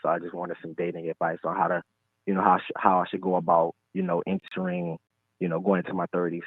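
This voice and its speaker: A man's voice: low-pitched, level tone, slightly rough, no room sound. Young man calling in on a tinny phone line. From Michigan, US. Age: 20s. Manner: hesitant, halting, many fillers. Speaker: caller. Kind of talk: casual call-in chat.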